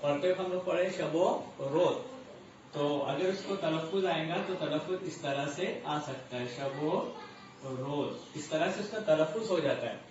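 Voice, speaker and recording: A man with a fairly high voice teaching a grammar lesson. He goes over each term slowly and answers his own questions. The recording is muffled, echoey and distant, with faint room noise behind him. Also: a little mellow.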